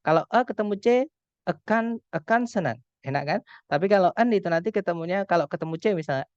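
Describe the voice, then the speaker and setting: A young Indonesian man tutoring an online English grammar class, explaining slowly and patiently with many examples. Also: a little high, a little mellow, clean tone, dry recording. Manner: patient, explains slowly, often addresses students as friends. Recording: dull dry call audio.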